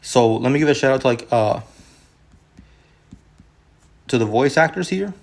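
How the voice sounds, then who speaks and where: A man's voice: mid-range voice, expressive, normal speed, gravelly. Rambling young man, casual review. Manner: rambling, filler-heavy, repeats "honestly" and "unironically". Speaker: video host.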